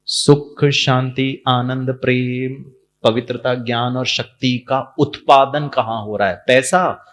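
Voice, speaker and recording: A man's voice: medium pitch, takes it slowly. A man giving a spiritual class in a hall, telling stories and acting out the characters in them. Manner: animated storytelling, acts out the characters. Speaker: spiritual teacher.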